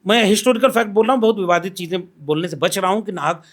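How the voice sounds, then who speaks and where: Guest voice: a man with a high-pitched voice, measured and explanatory, lays out his points in order. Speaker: podcast guest. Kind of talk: political discussion.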